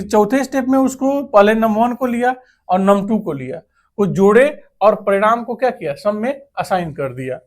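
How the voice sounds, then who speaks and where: High-voiced man teaching computing. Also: a little mellow. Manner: answers his own rhetorical questions; restates terms in English. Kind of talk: classroom lecture.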